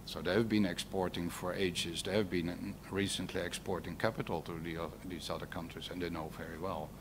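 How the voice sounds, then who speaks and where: A man's voice: deep voice, steady tone, a little fast. A man giving remarks at a conference round table, hesitating as he searches for words. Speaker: panel speaker. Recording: live conference recording, faint noise.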